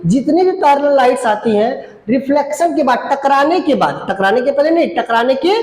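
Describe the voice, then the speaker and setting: High-voiced woman teaching in a roomy echo. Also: animated, brisk, a little mellow. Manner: repeats key terms, asks and answers own questions; stretches out English definitions word by word. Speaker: physics teacher. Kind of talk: classroom lesson at a board. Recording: roomy echo, faint background noise.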